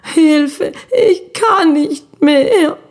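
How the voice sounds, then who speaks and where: A woman voicing a frightened young schoolboy in a storybook, whimpering and desperate in a high voice. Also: slow.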